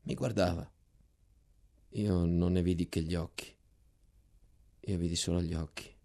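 A man reading a war memoir aloud, measured and dropping quiet in tense passages. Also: sits low, creaky.

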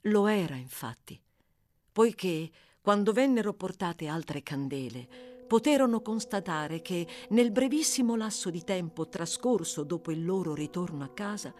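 Lady reading a novel out loud, lowish voice, very lively intonation, soft music under it. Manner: measured, expressive reading with slow pauses. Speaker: audiobook reader. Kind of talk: scripted literary narration.

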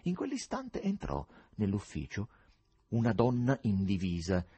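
A man reading a novel aloud in a measured storytelling manner, with the odd wry aside. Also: on the low side, huge pitch swings, dark tone, husky. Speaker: audiobook reader.

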